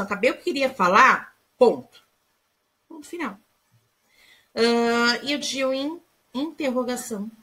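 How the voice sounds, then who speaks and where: A Brazilian woman teacher with a fairly high voice. Her pitch rises and falls a lot as she walks young pupils through the lesson patiently, step by step. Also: fairly bright tone. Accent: Brazilian Portuguese. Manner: patient, explains step by step with frequent "tá?". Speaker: primary school teacher. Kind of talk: recorded remote class explanation.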